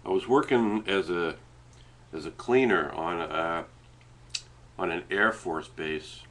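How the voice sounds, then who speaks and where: Male, middle-aged, low-pitched, Canadian Maritime accent, nasally congested; halting, informal home-webcam rambling. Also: a bit bright. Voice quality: congested, stuffed-up nasal sound. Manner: rambling, hesitant, sometimes talking while eating. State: stuffy, runny nose. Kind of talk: casual chat to webcam. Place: small indoor room at home. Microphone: webcam setup at desk distance.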